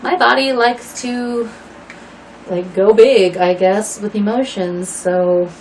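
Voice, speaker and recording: A woman's voice: mid-range voice, fairly even intonation, takes it slowly, a little hiss or hum, low-quality recording. A woman in her thirties chatting casually to camera at home while dyeing her hair, rambling and apologetic with lots of fillers. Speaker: vlogger.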